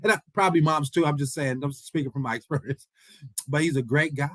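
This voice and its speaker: A man in his forties delivers an earnest motivational speech in an event hall, repeating his points and imploring the audience. His voice sits fairly high, with a steady, slightly bright tone, and he talks fast. The recording is rough and has no room sound.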